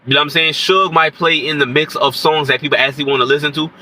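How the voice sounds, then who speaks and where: Speaking fast in a steady, sharp tone on the higher side, a man with a nasal, congested voice rambles to camera, slight background noise behind him. He's an independent rapper, ill with a stuffy nose and scratchy throat, casually commenting on hip-hop and repeating "you know what I'm saying."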